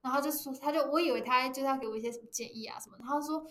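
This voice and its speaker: A woman with a Taiwanese Mandarin accent co-hosts a casual podcast chat, telling stories animatedly and laughing often. Her voice sits high and bright, and she talks quickly. The room has a noticeable echo. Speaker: podcast co-host.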